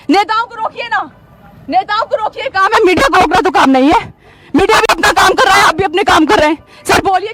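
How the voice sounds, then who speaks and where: Reporter, female, very high voice, urgent and pressing, outdoor live report. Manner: insistent, repeats demands; emotional, voice breaking at times. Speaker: field reporter. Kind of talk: live news field report. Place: outdoors at a police barricade.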